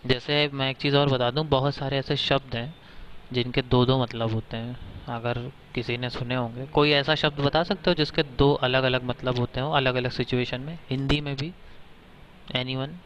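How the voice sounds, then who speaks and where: A man teaching a class in a steady mid-range voice, his explanations broken up by frequent short checks that the students are following. He regularly asks the room for questions and examples. A faint hiss of noise sits under the recording. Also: medium pitch, normal speed, poor audio.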